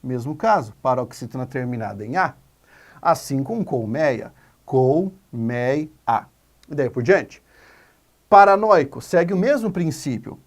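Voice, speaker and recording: A man teaching a grammar lesson on video, emphatic and drawing out example words slowly. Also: mid-range voice, very animated. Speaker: Portuguese teacher.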